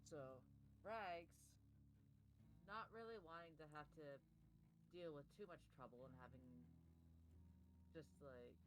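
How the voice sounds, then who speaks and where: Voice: mid-range voice, slow, long pauses, background noise. A tabletop game player thinking aloud, with restarts and fillers. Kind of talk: casual tabletop game play.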